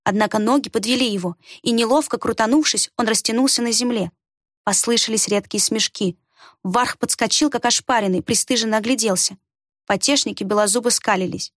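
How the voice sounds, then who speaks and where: Female audiobook narrator, expressive, fairly high, dry booth sound. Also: fairly quick, no room sound. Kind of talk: scripted fantasy narration.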